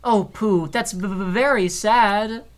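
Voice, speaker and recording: A man voicing a small, timid, sweet piglet in a halting, pleading way for a game read-aloud. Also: high voice, a little hiss or hum, pitched above the performer's own voice. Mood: sad.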